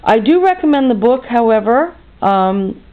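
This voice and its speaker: A woman's voice: fairly high pitch, very animated, measured pace. Tired, indignant American woman, fifties, chatty vlog rant, lo-fi phone-quality sound. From United States. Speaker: vlogger. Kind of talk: casual monologue rant. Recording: tinny phone-like audio.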